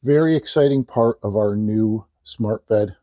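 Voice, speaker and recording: Male infomercial presenter: relaxed, mellow tone, hard-sell ad copy delivered with emphasis, very dry recording. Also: fairly low pitch, unhurried, dry recording. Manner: hard-sell, emphatic, repeats selling points. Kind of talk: sales pitch, product demonstration.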